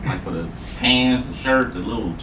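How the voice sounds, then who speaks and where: A man's voice: mid-range voice, moderate pace. A man in his late thirties, a podcast co-host joking and teasing in casual, profane chat. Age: 30s. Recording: echoey room from a distant mic, noisy.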